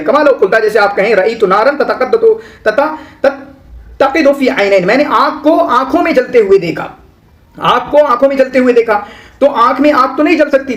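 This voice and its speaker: Extremely high in pitch and fairly bright, this man's voice echoes in a roomy space as he explains Arabic literary terms. After reading Arabic lines, he breaks them down casually using everyday examples and keeps saying "है ना."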